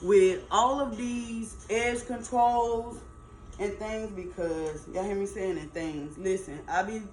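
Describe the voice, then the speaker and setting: A woman's voice: medium pitch, fairly even intonation, slow pace, hardly any pauses, darkish tone. A middle-aged woman gives casual, chatty advice as a hair stylist, emphatic and folksy, repeating points for stress. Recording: roomy echo, faint background noise.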